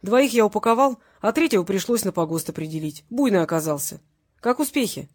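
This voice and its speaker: A woman voicing a rough male enforcer who makes dry, grim jokes, in an audiobook. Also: mid-range voice, animated, fairly quick, darkish tone, no room sound. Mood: sardonic.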